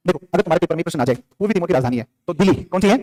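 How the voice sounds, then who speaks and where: A man's voice: a little high, animated, rapid-fire, a little mellow. A male teacher giving a classroom lecture, firing off questions and answering them himself, scolding and joking with the students in between. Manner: drills facts with repeated questions and answers.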